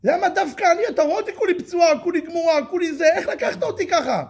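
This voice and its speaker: A man voicing a flustered, stuttering young woman employee who asks excited, incredulous questions. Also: very high voice, vocal fry, pitched above the performer's own voice, heavily acted.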